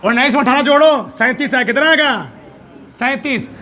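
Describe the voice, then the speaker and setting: High, bright-voiced male teacher quizzing. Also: normal speed. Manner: quizzing, asks then answers his own questions; emphatic, drills answers by repetition. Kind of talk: classroom lecture.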